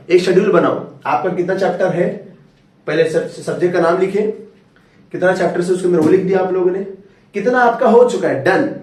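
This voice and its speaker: A man's voice: high-pitched, a little mellow. Male tutor, fatherly motivational pep talk, echoey room. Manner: fatherly, coaxing, calls listeners "beta". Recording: roomy echo, far from mic.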